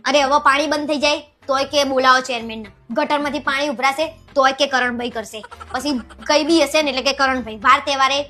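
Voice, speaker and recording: A woman's voice: sits high, steady tone, bright, forceful tone. A woman playing a nagging, scolding wife in a comedy skit. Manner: scolding, nagging, fast talk.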